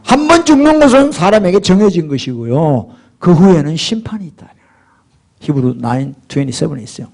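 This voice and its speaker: A middle-aged man preaching a sermon as pastor, swinging from hushed murmurs to loud, emphatic exhortation. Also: on the high side, big pitch swings, a little fast, vocal fry.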